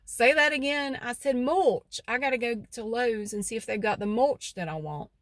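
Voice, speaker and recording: Recorded at studio quality with no room sound, this middle-aged vlogger speaks at a normal pace in a slightly high voice. She has a central North Carolina accent, a somewhat stuffy nose, and rambles chattily outside her home in a casual, folksy vlog.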